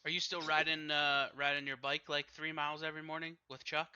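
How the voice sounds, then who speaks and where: A man's voice: on the high side, level tone, a little fast, bright, forceful tone, clear, resonant tone, no echo. A man co-hosting a casual podcast chat, joking and teasing playfully. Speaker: podcast co-host.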